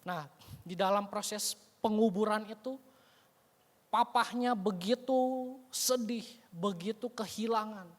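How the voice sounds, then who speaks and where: A man's voice: high voice, takes it slowly, pauses often. A man preaching a sermon, telling a story in a conversational way with frequent casual tag phrases. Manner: conversational, frequent "you know" tags, dramatic retelling. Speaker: evangelist preacher. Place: church sanctuary. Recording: long church hall reverb.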